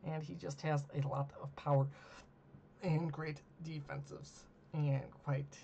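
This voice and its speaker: A man hosting a solo monologue, talking casually with many ums and uhs, losing his voice and clearing his throat. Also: fairly high pitch, little pitch movement, takes it slowly, dark tone. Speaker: host. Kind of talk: solo monologue ranking teams. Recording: dull lo-fi mic with faint hiss.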